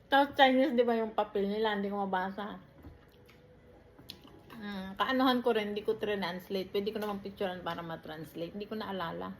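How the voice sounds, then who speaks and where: A woman's voice: mid-range voice, normal speed. Caregiver woman telling stories on her phone, chatty, lots of laughing, faint noise behind. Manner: chatty, recounts in short phrases and laughs often. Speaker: caregiver and vlogger. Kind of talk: casual storytelling chat.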